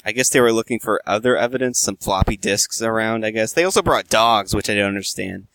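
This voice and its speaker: A man talking on a casual podcast, blunt and wry, cursing now and then. His voice sits low with a gravelly fry, and the sound is close and dry. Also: brisk, fairly bright tone, no echo. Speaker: podcast co-host. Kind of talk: casual chat.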